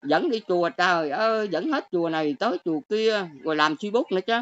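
Through dull, lo-fi sound, an older woman with a Southern Vietnamese accent rants on her livestream, speaking quickly and berating viewers with a string of exclamations. Her voice sits lowish, with lively intonation.

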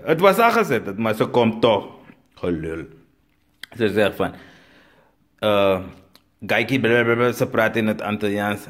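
A man from Suriname with a Surinamese Dutch accent, telling a comic story and acting out the dialogue, with sudden high bursts. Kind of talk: storytelling comedy.

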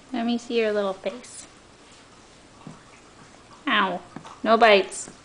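A woman's voice: a little high, fairly even intonation, very slow, long pauses, a little hiss or hum, rough recording. A woman filming her dogs at home, cooing in baby talk and laughing often. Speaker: dog owner filming her pets. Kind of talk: casual home video chat. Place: home living room, indoors.

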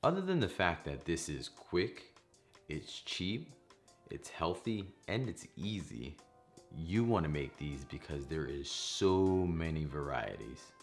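A man's voice: extremely low pitch, big pitch swings, takes it slowly, loud music behind the voice. A man in his thirties hosting a home cooking vlog, talking to camera in a kitchen with playful, jokey asides. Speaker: cooking channel host. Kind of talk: casual talk to camera, then voice-over.

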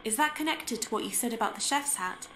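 A woman playing a video game protagonist who questions spirits in a measured way. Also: a little high, animated, noisy background, lightly acted. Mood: inquiring.

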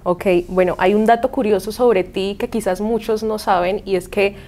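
A woman's voice: mid-range voice, steady tone, moderate pace, mellow. A woman hosting a news interview, friendly, with short acknowledgments. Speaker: interview host.

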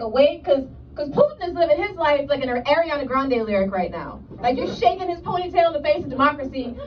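A woman's voice: high-pitched, a little hiss or hum. A woman performing a stand-up comedy set, chatty and loose, with many "like" asides. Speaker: stand-up comic. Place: comedy club stage. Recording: distant mic, dull lo-fi sound, loud audience laughter.

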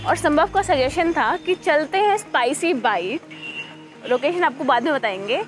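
A woman's voice: high-pitched, lively intonation, moderate pace. A young woman giving an inviting, casual vlog intro on a city street outside a cafe. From India. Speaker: vlog co-host. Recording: voice with loud backing music.

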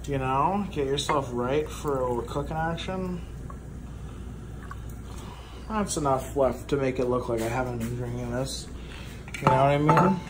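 Cooking indoors at home, a drunk-sounding young man rambles with plenty of swearing. He speaks at medium pitch, unhurried, pausing often. The handheld phone recording is noisy, full of clattering pans and cutlery.

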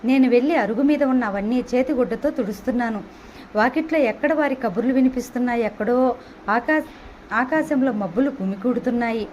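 A woman narrating an audio novel in the first person, with a steady, measured storytelling delivery. Her voice sits somewhat high, and a faint ambient hiss runs under it. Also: poor audio.

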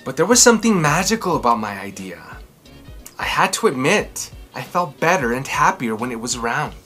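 A man reads a picture book aloud for children with big, emphatic expression. His pitch moves in lively sweeps and his tone is bright and forward. Soft music plays behind him. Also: moderate pace. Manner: theatrical, emphatic delivery. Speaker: children's storytime host. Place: small furnished room at home, indoors.

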